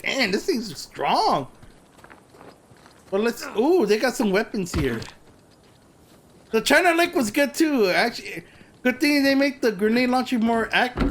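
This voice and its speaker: A man narrating his gameplay in chatty let's play commentary, bursting with excitement over weapons. Faint game ambience sits behind him. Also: very high voice, moderate pace, a little hiss or hum.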